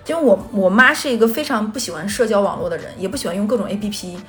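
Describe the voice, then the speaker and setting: A woman co-hosting a podcast, telling stories in fast, animated casual chat. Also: medium pitch, soft background music. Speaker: podcast co-host.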